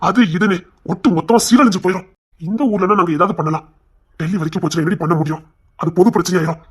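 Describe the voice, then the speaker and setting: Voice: medium pitch, very fast, husky, lightly acted. A performer voicing an anxious young husband in an audio drama who keeps pleading and swearing he is innocent. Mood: defensive.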